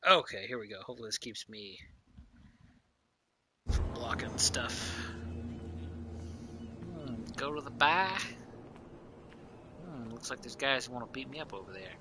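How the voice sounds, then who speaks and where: A man's voice: medium pitch, moderate pace, pauses often, noisy background. A man streaming a game, talking to himself in a mumbling way and often dropping to a whisper. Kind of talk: let's play commentary.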